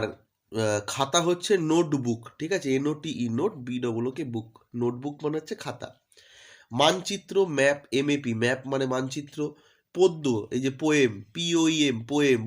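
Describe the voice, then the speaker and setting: A man giving a vocabulary lesson, patiently spelling each word out letter by letter. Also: mid-range voice. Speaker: teacher.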